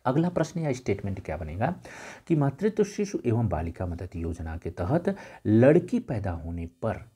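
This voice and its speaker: A man's voice: on the low side, big pitch swings, normal speed, warm tone, slightly rough. A young man teaching an exam-prep lesson, repeating key points and trailing off into a near-whisper at the end of phrases.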